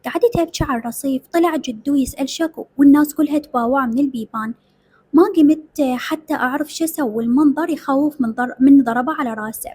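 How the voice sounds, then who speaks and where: A woman's voice: sits high, fast talker, darkish tone. A woman with an Iraqi accent narrating a dramatic story in the first person, emotional and tearful. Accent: Iraqi Arabic.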